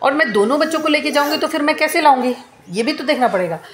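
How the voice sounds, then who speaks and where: A woman's voice: sits high, expressive, fast, reverberant. A woman in her thirties venting to camera at home, complaining in an aggrieved, repetitive way. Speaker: vlogger.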